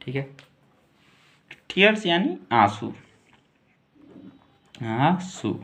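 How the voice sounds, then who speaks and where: A man teaching English words in a slow lesson, spelling each word out letter by letter and repeating it. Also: medium pitch, very animated, a bit bright.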